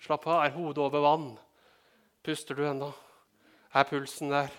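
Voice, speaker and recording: A man from Norway delivers a sermon in a fairly high, clean, somewhat bright voice, keeping his delivery flat. As pastor, he converses with the congregation, asks them things, and adds light humor on the side.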